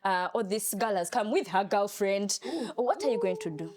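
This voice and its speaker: A young woman, co-hosting a casual chat and telling a story in an animated, playful way. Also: medium pitch, moderate pace. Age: young adult. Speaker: podcast co-host.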